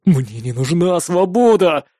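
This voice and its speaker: A man's voice: on the high side, expressive, normal speed, warm tone, no echo, studio quality. A man voicing Korg, a bitter, vengeful young male thrall who speaks urgently and insistently.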